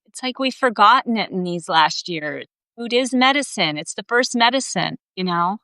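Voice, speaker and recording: A woman's voice: mid-range voice, animated, moderate pace, sharp tone, dry recording. A woman hosting a casual live video chat, telling a story in an earnest, emphatic way. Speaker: host. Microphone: video call.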